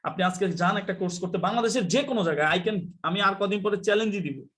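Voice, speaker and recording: A man's voice: sits high, quick pace, fairly bright tone. A man from Bangladesh teaching English in a live online class, chatty and teasing, mixing in English phrases.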